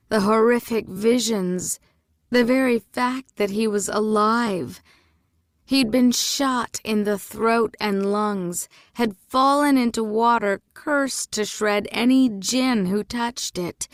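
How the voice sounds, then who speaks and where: A woman narrating an audiobook in a measured, deliberate manner. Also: medium pitch, dry recording, studio quality.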